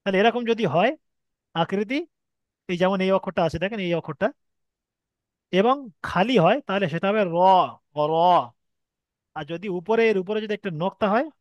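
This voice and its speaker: A man's voice: high-pitched, fairly quick, pauses often, no room sound, lo-fi sound. A man with a Bengali accent teaching Arabic letter reading, patiently explaining step by step and stretching sounds to demonstrate. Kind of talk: online Quran reading lesson.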